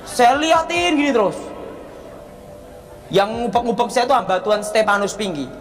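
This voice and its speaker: A man, a pastor giving a sermon testimony and telling his story with acted-out dialogue and loud exclamations. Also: very high-pitched, sing-song, moderate pace, some chatter behind. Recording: long reverb of a large hall.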